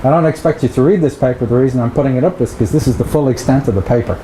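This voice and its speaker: Racing through his material in a mid-range voice, a middle-aged lecturer with an Irish accent gives a conversational seminar talk and cracks jokes to the audience. The setting is a seminar room with a projector, captured in an echoey space with background noise.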